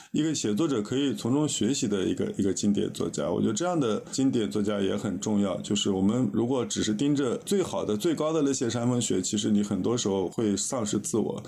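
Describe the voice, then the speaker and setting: A man's voice: mid-range voice, vocal fry, dark tone, slightly rough. A man speaking as a literary critic on a podcast, earnest and hesitant, often restarting his sentences. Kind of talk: casual discussion.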